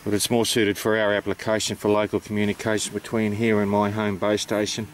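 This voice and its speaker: An Australian man talks through practical details in a low voice with very little melody. He is unscripted and hesitant, explaining things in a plain, matter-of-fact way. There is some noise behind him. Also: completely flat delivery, brisk. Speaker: amateur radio operator presenting. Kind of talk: informal explanatory vlog.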